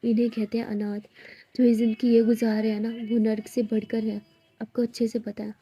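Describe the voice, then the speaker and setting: Woman doing a young girlfriend, coaxing and pleading, dark husky voice, pretty flat. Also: a little high, fairly quick. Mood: earnest, coaxing. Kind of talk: storytelling.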